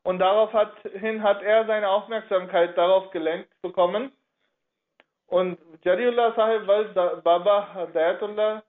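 A man with a high voice tells a religious history story. He speaks haltingly and keeps reshaping his sentences partway through. The sound is narrow and tinny, like a phone line. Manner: halting, reworks sentences mid-flow.

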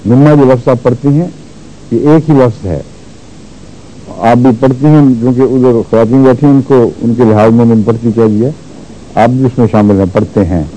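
A man teaching Quran recitation rules, explaining patiently and repeating words slowly to show how they are pronounced. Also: mid-range voice, mellow, a little hiss or hum, low-quality recording. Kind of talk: religious lesson on Quran recitation.

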